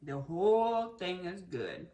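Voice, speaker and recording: A woman's voice: on the low side, big pitch swings, slow pace, warm tone. A woman chatting casually as she eats, chewing while talking and humming as she savours the food. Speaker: food vlogger. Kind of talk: casual mukbang chat while eating.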